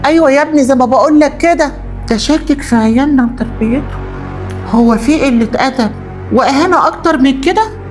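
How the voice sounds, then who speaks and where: A woman playing a frantic Egyptian mother, high-pitched. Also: brisk, a little mellow, natural voice. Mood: upset. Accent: Egyptian Arabic. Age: middle-aged. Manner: pleading, repeating herself. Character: worried Egyptian mother, woman, middle-aged, protective. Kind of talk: melodramatic short-film acting. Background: background music.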